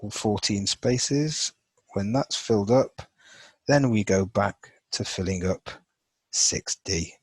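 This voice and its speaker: A man's voice: lowish voice, takes it slowly, darkish tone, slightly rough, no room sound, low-quality recording. A man teaching chemistry in a loose lesson style, thinking aloud as he colors in a chart, with frequent fillers and restarts. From England. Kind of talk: informal lesson over a drawn screen.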